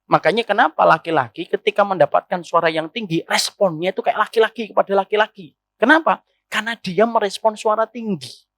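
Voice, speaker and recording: A man's voice: high voice, fairly even intonation, brisk, fairly bright tone, no room sound. A man preaching a sermon to a women's study circle, addressing the listeners as ma'am and asking them rhetorical questions.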